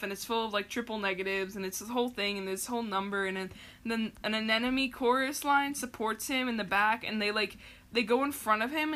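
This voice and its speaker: Giggly young woman recapping, bright voice. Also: fairly high pitch. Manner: rambling, filler-heavy, giggly. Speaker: podcast host. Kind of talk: casual chat recapping a show.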